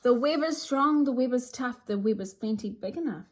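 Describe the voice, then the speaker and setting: With a fairly high, animated voice at a moderate pace, a woman presents a children's picture book. She reads it aloud in an expressive, theatrical, sing-song rhyming manner.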